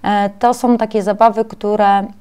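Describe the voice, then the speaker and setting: A woman presenting a webinar lecture to preschool teachers, often pausing with filler sounds as she explains her slides. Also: mid-range voice, level tone, warm tone, clear, resonant tone.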